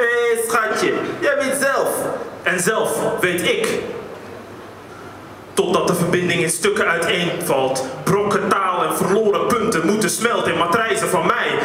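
A male slam poet delivers rhymed lines in a steady, rhythmic cadence, his voice slightly raised in pitch. He sounds set back from the microphone, his words washing around a very reverberant hall over a clear layer of background noise. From Netherlands. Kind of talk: performed spoken-word poetry. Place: live venue hall. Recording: echoey hall, distant mic, background noise.

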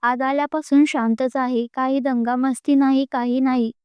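A woman's voice: high-pitched, little pitch movement, moderate pace, darkish tone, smooth, dry recording, clean studio sound, natural voice. A woman voicing a kind concerned father. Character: kind middle-aged father, calm and concerned.

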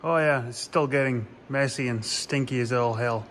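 A man's voice: medium pitch, moderate pace, fairly bright tone, in a large hall, a little hiss or hum. A man, a farmer doing his own repairs, talking casually through the job in a plainspoken way with dry sarcastic humor, recorded in a farm workshop. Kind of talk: casual how-to vlog narration.

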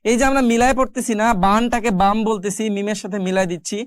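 A woman teaching Quran recitation in an online lesson, explaining step by step, asking and answering her own questions, and chanting the examples slowly. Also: mid-range voice, no room sound. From Bangladesh.

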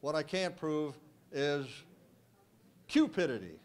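Holding a handheld microphone in a wood-panelled banquet room, an older man fields questions from the audience as a guest speaker. His pitch is fairly high and he is very animated, giving wry, emphatic, measured answers.

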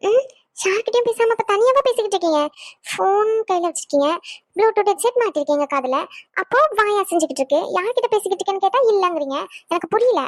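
A woman voicing a patient, caring young wife in a cartoon, gentle and reassuring. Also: extremely high pitch, lively intonation, quick pace, dry recording, studio quality. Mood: puzzled. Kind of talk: cartoon voice acting.

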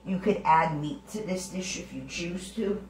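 This middle-aged home cook and channel host gives a relaxed recipe demonstration from her kitchen, explaining each step warmly. She speaks unhurriedly in a fairly low, slightly mellow voice. A camera on the counter captures echoing room sound, soft pot clatter, and a bit of hiss or hum.

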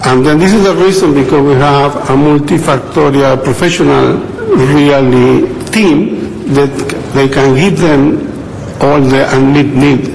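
A man representing a clinic speaks to a city council in careful, slow, English. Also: medium pitch, creaky, a little mellow. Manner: slow, careful non-native English phrasing. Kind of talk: formal public statement. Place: council chamber. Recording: echoey council chamber, long reverb, faint noise.

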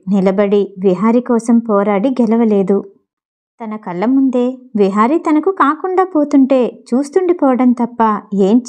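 A woman reads a story aloud with a steady, emotive delivery. Her voice sits a little high for a woman yet sounds mellow and warm rather than bright. The narration is scripted and even. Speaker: audiobook narrator.

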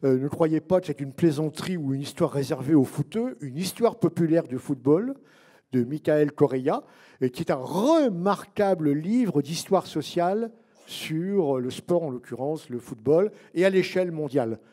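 Higher-pitched man with a mellow voice. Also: animated, normal speed. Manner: digressive, wry asides, many fillers. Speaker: book author at a talk. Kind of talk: public talk answering questions.

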